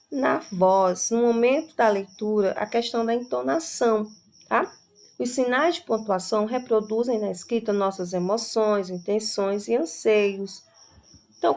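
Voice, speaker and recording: A woman teacher talks through a grammar lesson at an easy pace. Her voice sits a little high and has a gravelly fry. She keeps pausing to check that her students are following. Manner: explains slowly, often checks in with "tá?".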